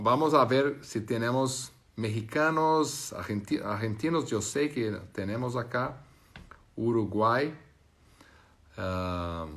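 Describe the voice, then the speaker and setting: Hosting a relaxed live stream, this Portuguese-speaking man from Brazil reads out comments from viewers, pausing often as he hunts for the right words. He has a Brazilian Portuguese accent and a fairly low-pitched voice.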